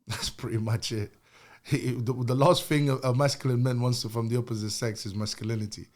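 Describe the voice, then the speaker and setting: Young adult male podcast co-host, casual debate, emphatic and repetitive, mid-pitched. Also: fairly even intonation, moderate pace. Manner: emphatic, repeats himself, laughs between points.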